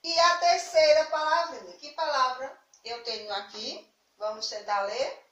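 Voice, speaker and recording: A woman teacher with a Brazilian Portuguese accent, explaining a spelling lesson to young children slowly and patiently, often checking if they follow. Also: high-pitched, fairly bright tone, recorded from a distance, muffled recording. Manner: slow, patient explaining with frequent "tá certo?" checks. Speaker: primary school teacher. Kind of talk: remote class lesson. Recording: roomy, from off the mic.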